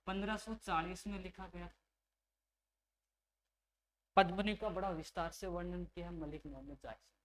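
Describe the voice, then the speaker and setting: A man's voice: sits high, fairly even intonation, moderate pace, long pauses, slight background noise. A male teacher, giving a conversational exam-prep lecture and repeating key names for his students.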